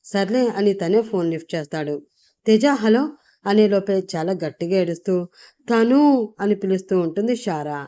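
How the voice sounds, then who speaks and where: Mellow-voiced woman narrating a story. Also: medium pitch, fairly quick.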